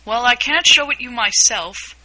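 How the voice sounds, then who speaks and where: A woman voicing a gloomy male Mock Turtle who sighs and sobs, speaking slowly and mournfully in a storybook reading. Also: fairly high pitch, pushed and bright, pitched above the performer's own voice, rough recording. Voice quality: slow, mournful delivery.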